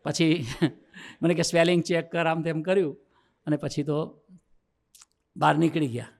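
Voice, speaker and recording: A man's voice: fairly high pitch, measured pace, vocal fry. A man, a monk, giving a talk to a youth assembly as a personal story, acting out the dialogue and lifting his voice to drive points home. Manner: lively storyteller who acts out quoted dialogue and rises for emphasis. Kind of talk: sermon told as a personal story.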